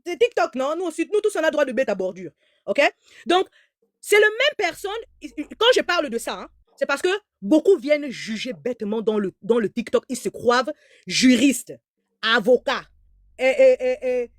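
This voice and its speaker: An online commentator whose first language is German, this woman speaks at normal speed in a high voice with lively intonation. Her heated live commentary is emphatic and repetitive, with stammered restarts, captured in a dry, studio-quality recording.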